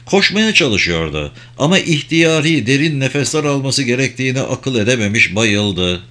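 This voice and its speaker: A man reading a story aloud as an audiobook, in measured, dramatic scripted narration. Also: medium pitch, sing-song, sharp tone.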